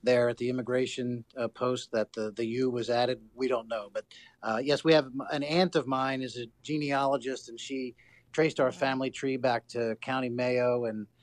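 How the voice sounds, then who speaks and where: Male spokesman, American accent, measured and halting interview answers, medium pitch, no room sound. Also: fairly even intonation, no room sound. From United States. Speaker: campaign spokesman.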